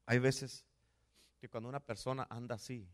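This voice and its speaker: A man, a pastor preaching a sermon and retelling a story, dropping to a hush and then surging upward on his exclamations. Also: mid-range voice, flat delivery, moderate pace.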